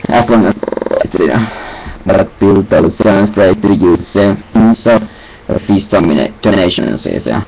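Unhurried and a little mellow, this young man's low-pitched voice drifts through casual self-talk aimed at a webcam, in disjointed phrases and sing-song fillers. He's indoors in a small, cluttered room. The audio is dull, with slight background noise.

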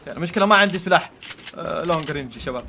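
A man's voice: on the high side, animated, rapid-fire, heavy background noise. A young man giving live gameplay commentary, frantic, yelping and pleading. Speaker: gaming YouTuber.

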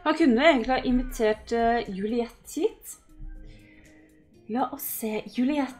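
A woman giving casual let's-play commentary, excitable and yelping at her game characters. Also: on the high side, music in the background. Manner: excitable, yelps and shouts at the characters. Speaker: gaming host.

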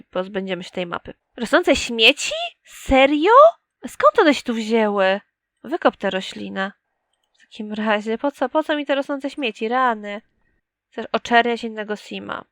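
A young female gaming YouTuber plays a life-sim game with casual let's play chatter, poking fun at the characters and talking to them. Her voice is medium-pitched and moderately paced. The recording is dry and studio quality.

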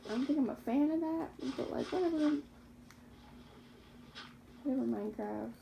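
A woman's voice: sits high, normal speed, vocal fry, mellow, a little hiss or hum, rough recording. A young woman casually commentating her own survival game, chatty and rambling, correcting her own slips and laughing at herself. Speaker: gaming YouTuber. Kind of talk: casual Minecraft gameplay commentary.

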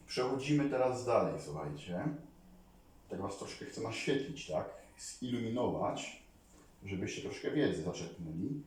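Guy rambling to his viewers, super echoey room, sounds far from the mic. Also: lowish voice. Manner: animated, rambling, keeps calling on viewers. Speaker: vlogger. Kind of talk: casual talk to camera.

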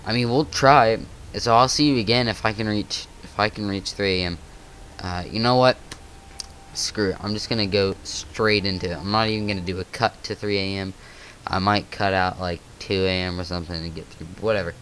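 Lowish-voiced man narrating gameplay. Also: brisk, a bit bright, slight background noise. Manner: thinks aloud, nervous exclamations. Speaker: gaming channel host. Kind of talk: let's play commentary.

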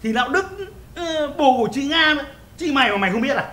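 An actor playing a crude, mocking middle-aged neighbor. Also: male voice, very high-pitched, lively intonation, fast talker, sharp tone, exaggerated voice. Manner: teasing, drawling. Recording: echoey room, music behind.

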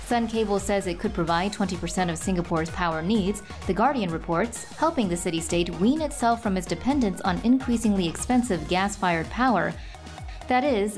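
A woman narrating a scripted news report in an even, informative voice-over. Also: medium pitch.

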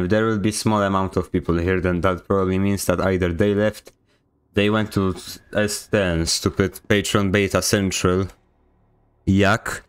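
A young man from Poland, Polish accent evident, gives casual play-by-play on a game stream, full of jokes, sarcasm and mock indignation. His voice is low-pitched with a clean tone.

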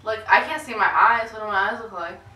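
A young woman co-hosting a casual vlog, loud and teasing, swearing and laughing a lot. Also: mid-range voice, quick pace. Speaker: vlog co-host. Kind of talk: casual tipsy chat. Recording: echoey room, camera mic from a distance, noticeable noise.

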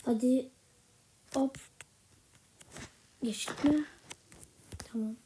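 A woman giving casual gameplay commentary in a soft, half-whispered voice, a little sick with a slightly rough voice. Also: high voice, very slow, slight background noise. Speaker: gaming channel host.

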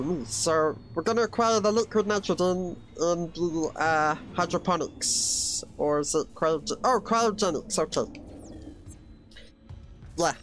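Stitch the small mischievous cartoon alien, as a gamer puts him on, excitable yelps, third-person talk, slow unhurried delivery, let's play commentary. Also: mid-range voice. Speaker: gaming channel host.

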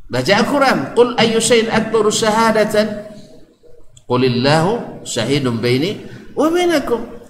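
Lively preacher with an Ocu Malay accent. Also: male voice, high voice, measured pace, long pauses, slight background noise. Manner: lively, jokes with the audience, asks questions. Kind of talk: Islamic study lecture. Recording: echoey hall, faint ambience.

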